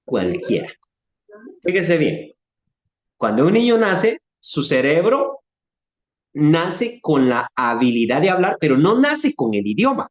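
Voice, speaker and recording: A man with a Latin American Spanish accent leads an informal Bible class in a conversational style, asking his listeners questions and acting out speech sounds. His fairly high voice swoops wildly in pitch, and he speaks slowly with long pauses in an echoey room.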